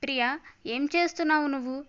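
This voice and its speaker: A woman's voice: high voice, fast talker, fairly bright tone, highs cut off. A woman reading as an anxious devoted elder sister. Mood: worried. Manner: pleading, tearful.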